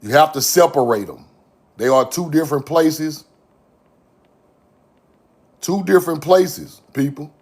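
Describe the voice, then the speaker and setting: High-voiced slow man with gravel. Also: darkish tone. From Mississippi, USA. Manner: repetitive catchphrases, preachy and emphatic. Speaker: online video host. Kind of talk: casual talk to a live-chat audience.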